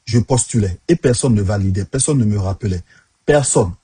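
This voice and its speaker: A tech career coach in his thirties with an African French accent gives punchy, direct career advice straight to the camera. His voice is fairly low, warm and fairly quick, slightly rough, with no room sound.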